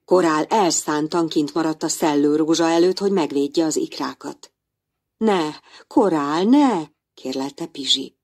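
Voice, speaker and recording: A woman reading a children's storybook aloud as narrator, in an expressive storytelling manner. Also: deep voice.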